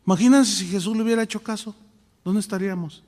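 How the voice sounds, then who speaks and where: A male pastor preaching a sermon with a high-pitched voice, full of rhetorical questions and acted-out quotes. His voice carries a long reverb, as if in a large church hall. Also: fast, a little mellow.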